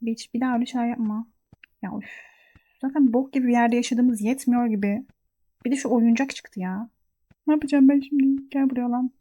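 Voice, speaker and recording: A young woman commentating her game in a relaxed, mellow voice set a little high. She reacts on the spot, jokes at what happens and swears freely. The sound is dry and close. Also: brisk, long pauses, no room sound. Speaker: gaming channel host. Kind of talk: casual let's-play commentary.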